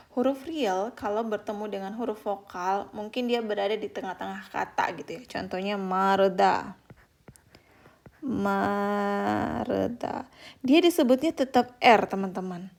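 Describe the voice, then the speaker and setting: A young woman giving a patient online beginner language lesson, repeating example words slowly and often addressing her viewers as friends. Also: medium pitch, a little mellow. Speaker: Korean language teacher.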